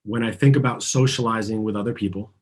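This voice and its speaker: Born in Argentina and raised in the US, this man coaches a group through a guided tapping session, earnestly asking listeners to repeat his phrases. His voice is fairly low and slightly rough, with fairly even intonation and a fast pace.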